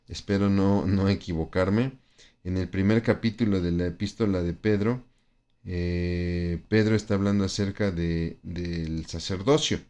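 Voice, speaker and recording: A man's voice: deep voice, darkish tone. A man teaching a Bible study lesson in a conversational way, with frequent tag questions and restarts. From Mexico.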